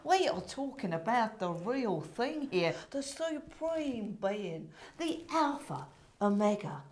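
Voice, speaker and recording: A woman's voice: fairly high pitch, very animated, slow, darkish tone. A woman acting a bubbly, bossy Saint Peter in a comic play, theatrical, emphatic and giggly. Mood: grandly emphatic.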